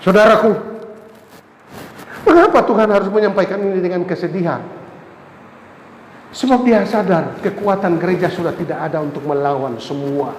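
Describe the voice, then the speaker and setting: A pastor preaching an impassioned sermon, swinging from soaring cries to low murmurs. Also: male voice, normal speed, pauses often, slight background noise. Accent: Indonesian. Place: church sanctuary. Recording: echoey church hall with faint ambience.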